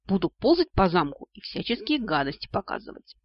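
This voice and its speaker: A man's voice: sits high, big pitch swings, brisk, no echo. A man voicing a rude, cheeky talking blood that taunts its owner in a mocking tone, on a dull lo-fi recording. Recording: dull lo-fi audio.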